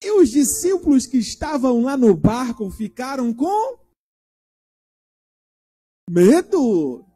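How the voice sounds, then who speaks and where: Animated pastor telling children a story. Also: male voice, very high-pitched, takes it slowly, long pauses, breathy edge. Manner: animated, asks the children questions. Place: church.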